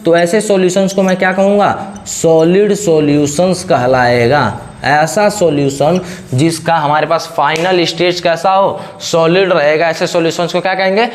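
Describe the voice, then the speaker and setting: A man gives a chemistry class lecture in a higher-than-usual voice. He keeps asking questions and answers each one himself in a steady pattern. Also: normal speed. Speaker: chemistry teacher.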